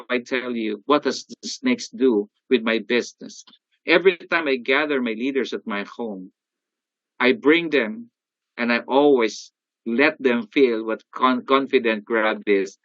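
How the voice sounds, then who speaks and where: An older man with a Filipino accent giving an animated motivational sales talk, often calling out to his audience. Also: mid-range voice, dry recording, dull audio. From Philippines. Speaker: sales coach.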